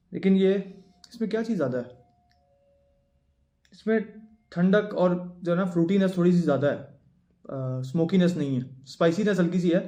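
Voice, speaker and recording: High-pitched and warm, this man reviews perfumes at home, unboxing and smelling each bottle while thinking out loud in a casual chat. His phone, fitted with a plug-in USB-C mic, captures dull audio in an echoey indoor room.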